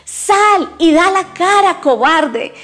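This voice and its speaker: A woman's voice: animated, takes it slowly, heavily acted. A woman voicing a small boy who calls out in alarm during a narrated story. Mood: shouting. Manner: high, shouting, childlike. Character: small startled boy, curious then indignant.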